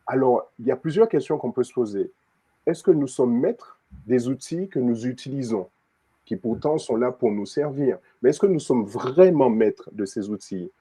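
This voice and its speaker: A man's voice: mid-range voice, animated, normal speed, dark tone, breathy edge. A man hosting a talk show, introducing the topic with a string of rhetorical questions. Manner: rhetorical questions, laughs easily. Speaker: host.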